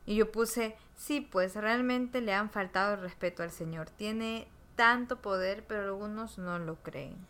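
A woman co-hosting a casual chat, reading verses slowly and then adding her own notes. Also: medium pitch, a bit bright. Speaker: podcast co-host.

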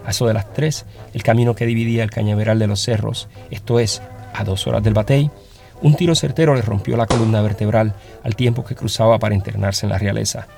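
A man reading a story aloud as narrator, in a steady, dramatic storytelling manner. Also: fairly low pitch, fairly quick, vocal fry, faint music behind.

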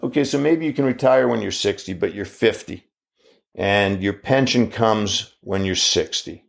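A man's voice: fairly low pitch, unhurried, gravelly. Man, 50s, opinion monologue. Argumentative, hammers rhetorical questions, voice leaps up on each challenge.

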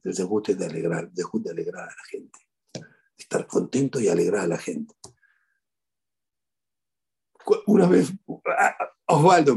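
Very raspy, gravelly Argentine rabbi. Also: male voice, lowish voice. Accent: Argentine Spanish. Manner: animated storytelling, repeats key phrases. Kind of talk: eulogy sermon.

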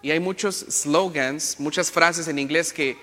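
High, bright-voiced priest with a playful homily. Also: male voice, unhurried. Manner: playful, jokey asides and self-corrections; imitates other people's accents. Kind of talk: Sunday homily. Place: church. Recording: long church reverb.

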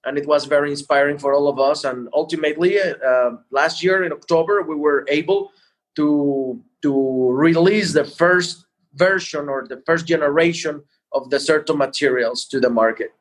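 A man explaining things in an interview as a guest entrepreneur, halting and repeating words as he goes. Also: fairly high pitch, rough recording. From Mexico.

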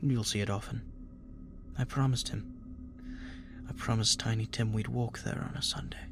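A woman reading aloud, voicing a gentle, grieving father with a lowered, soft voice. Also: steady tone, normal speed, slight background noise. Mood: sorrowful. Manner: soft, low, sorrowful. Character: grieving middle-aged father, gentle clerk.

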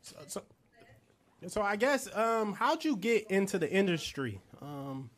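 A man's voice: high-pitched, sing-song, measured pace, fairly bright tone. A man co-hosting a faith and culture podcast, hype and slangy as he interviews a guest. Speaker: podcast co-host. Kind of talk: casual interview.

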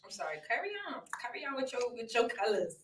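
A woman's voice: fairly high pitch, animated, quick pace, a bit bright. An American woman in casual, conversational chat as a vlog co-host. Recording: roomy, distant microphone.

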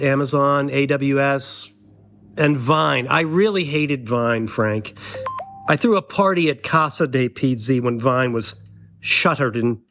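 A man's voice: a little high, fairly bright tone. A middle-aged man hosting a comedy podcast, delivering a mock-serious, sarcastic satirical monologue aimed at a letter writer.

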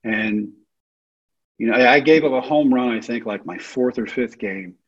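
Guy with a breathy husky voice, vivid storyteller, kinda muffled recording. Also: medium pitch, normal speed. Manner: vivid, self-deprecating storyteller. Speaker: guest speaker. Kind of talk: personal storytelling talk. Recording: dull lo-fi recording.

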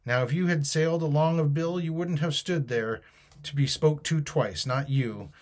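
A man's voice: on the high side, normal speed, pitched above the performer's own voice, natural voice. A man reading aloud, voicing a fawning, sneering old pirate with a wheedling, mock-friendly manner.

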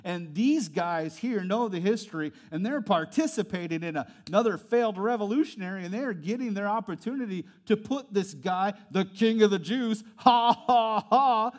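A man preaching a sermon in a lively, conversational way, swinging between hushed reflection and loud emphasis. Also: sits high, moderate pace, few pauses. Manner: animated, acts out quotes in character voices. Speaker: pastor.

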